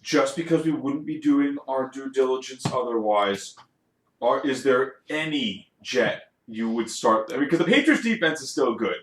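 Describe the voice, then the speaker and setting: A man co-hosting a casual sports podcast, joking and animated with quick asides. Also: mid-range voice, echoey room. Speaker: podcast co-host.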